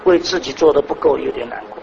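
A man preaching a sermon to a congregation, asking many rhetorical questions and swinging between raised, emphatic phrases and soft, low ones. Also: fast talker, gravelly, highs cut off, a little hiss or hum.

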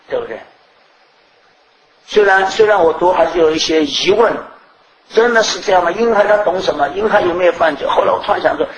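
A woman's voice: low-pitched, a little hiss or hum. A middle-aged woman preaching a sermon in an earnest way, often asking rhetorical questions and repeating herself. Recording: roomy echo.

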